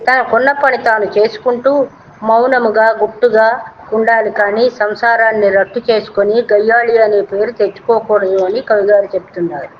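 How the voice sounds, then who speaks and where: Woman, fairly high voice, slow chanted verses, plain explanations, dull lo-fi audio, faint hiss. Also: fairly even intonation. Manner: slow sing-song recitation of verses, then plain explanation. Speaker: poetry explainer. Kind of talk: reciting and explaining classical verses.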